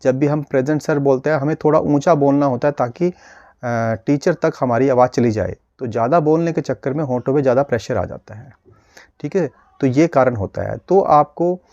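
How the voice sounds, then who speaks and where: Patient male speech teacher, warm low-key tone, demonstrates sounds slowly. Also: dry recording, lo-fi sound. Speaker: speech therapist. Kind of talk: instructional video lesson.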